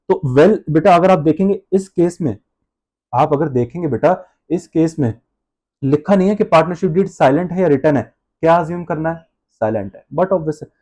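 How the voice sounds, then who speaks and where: A man's voice: on the high side, a little mellow. A male accounts teacher giving a classroom-style lecture, calling the students "beta" and answering his own questions.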